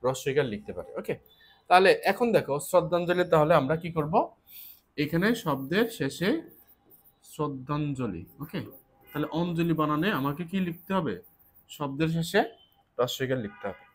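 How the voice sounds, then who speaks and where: A male teacher with a slightly high voice leads a spelling lesson for exam students. He poses a question, then supplies the answer himself, and draws out each key word slowly. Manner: repeats key words slowly.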